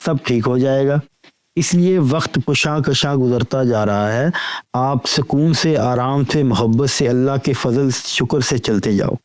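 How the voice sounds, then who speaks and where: A man reading a Sufi spiritual lecture aloud in a measured, deliberate way, often repeating phrases. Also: medium pitch, dry recording. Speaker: reader of spiritual talks.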